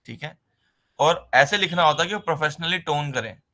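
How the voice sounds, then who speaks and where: A man leads a recorded nursing exam lesson in a bright, forward voice. He speaks in a loose, conversational way, mixing terms. He keeps checking in with a short filler. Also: fairly high pitch, animated, moderate pace. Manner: conversational, repeats "ठीक है" as a filler, mixes English terms into Hindi.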